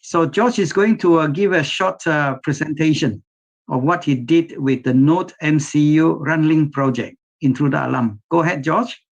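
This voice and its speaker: A man's voice: on the high side, normal speed. A man hosting an online meeting, introducing a guest and handing him the floor over a video call. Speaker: host.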